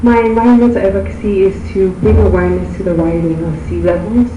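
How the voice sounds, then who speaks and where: A young woman from Tonga, answering formal pageant questions in an earnest, measured way. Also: medium pitch, steady tone, background noise. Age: young adult. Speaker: pageant contestant. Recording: echoey room from far off, music behind.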